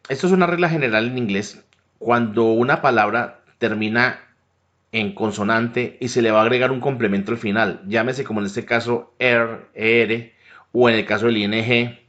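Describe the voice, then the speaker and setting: A man walks learners through a grammar lesson in a mid-pitched voice. He keeps checking in with short tag questions. The recording is dull and lo-fi. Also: fairly bright tone. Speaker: English teacher. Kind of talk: grammar lesson over slides.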